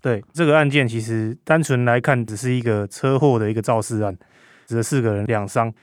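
A man's voice: mid-range voice, a little fast, no echo, clean studio sound. A man with a Taiwanese Mandarin accent recounts a case conversationally as a reporter, speaking through a face mask. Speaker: crime reporter as podcast guest.

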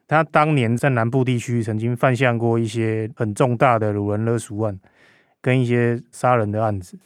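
A man's voice: medium pitch, steady tone, moderate pace, smooth, dry recording, studio quality. A man with a Taiwanese Mandarin accent recounts a case conversationally as a reporter, speaking through a face mask. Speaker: crime reporter as podcast guest.

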